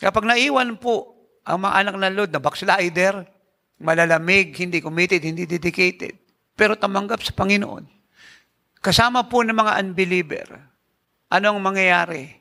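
A man preaching with a high, gravelly voice and a bright, forceful edge. He drives his sermon emphatically, firing rhetorical questions at the congregation and dropping English phrases into his talk. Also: moderate pace. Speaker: pastor.

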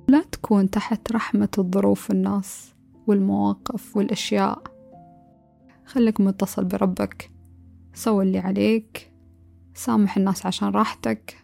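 Gravelly woman, calm talk. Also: medium pitch. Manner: calm, earnest, sprinkles English words. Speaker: motivational speaker. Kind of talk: reflective motivational talk.

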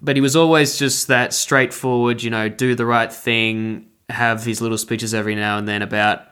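A young man talks through a TV episode in a casual, unscripted way, circling back and correcting himself mid-sentence. His voice sits at an ordinary middle pitch for a man, and his tone is relaxed and conversational. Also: moderate pace, clear, resonant tone. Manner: rambling, self-correcting, chatty. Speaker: TV reviewer. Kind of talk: casual spoken review.

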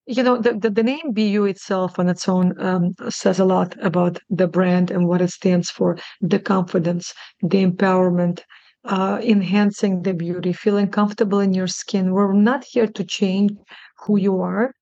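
A middle-aged woman who grew up in New York after being born in Russia, speaking with a gravelly, fry-edged voice in a narrow, even pitch. She talks haltingly and earnestly, restarting her sentences, and the sound is dry and slightly dull, as if on a lo-fi line. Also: no echo. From born in Russia, raised in New York. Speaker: guest, clinic CEO. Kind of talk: casual podcast interview.

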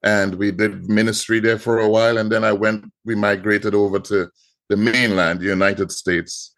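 Being interviewed on a podcast, this guest artist, a middle-aged man from Trinidad and Tobago, shares his story and tends to repeat words. His Trinidadian-accented voice is fairly low and fairly bright, with flat delivery at a moderate pace.

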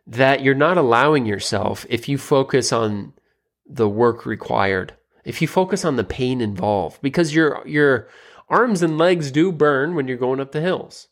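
Rambling male podcast host. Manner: rambling, with many fillers and restarts; grows more emphatic and pitch rises toward the end. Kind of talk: casual motivational monologue.

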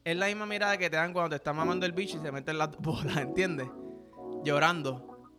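A man's voice: a little high, steady tone, brisk. A young man with a Puerto Rican accent, hosting a podcast in a crude, rambling, joking monologue. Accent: Puerto Rican Spanish. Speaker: podcast host. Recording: music playing in background.

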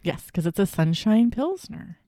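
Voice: mid-range voice, very animated, mellow, no room sound. Podcast co-host, casual beer-tasting chat, playful, chatty, dry close sound. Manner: chatty, playful, quick asides.

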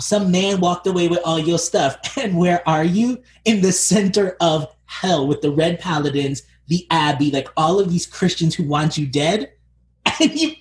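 A man co-hosting a casual podcast chat about a TV show, thoughtful and rambling with fillers. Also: fairly high pitch. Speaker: podcast co-host. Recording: echoey room with faint noise.

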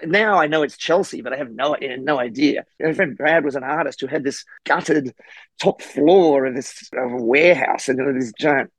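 A middle-aged Australian man, a guest historian and author, telling a casual story with lively acted-out quotes. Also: mid-range voice, normal speed, dry recording. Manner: animated, acts out quoted voices.

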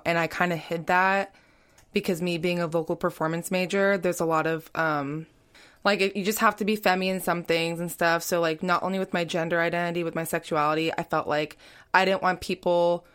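Smooth and fairly bright, with a fairly low pitch, this young college-aged woman chats casually as a podcast guest. Her interview talk is full of "like" and "you know."

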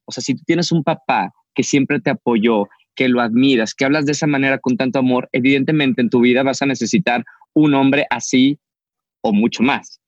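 A man's voice: mid-range voice, dry recording. Man hosting a podcast, dry dull sound. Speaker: podcast host. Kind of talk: casual interview conversation.

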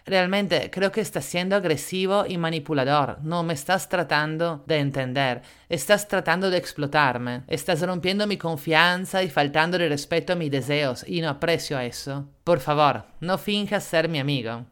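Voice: mid-range voice, normal speed, hardly any pauses, fairly bright tone, clear, resonant tone, natural voice. A narrator reading out an emotional, pleading AI chatbot. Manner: alternately pleading and gushing, repeats phrases.

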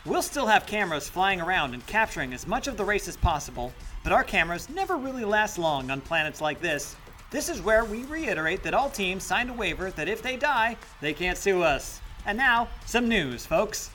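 A bright, lively sports announcer, played by a man, hyping a deadly race with upbeat patter. His pitch leaps around as he talks, and music runs behind him. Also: normal speed, heavily acted. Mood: excited. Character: hearty male sports announcer.

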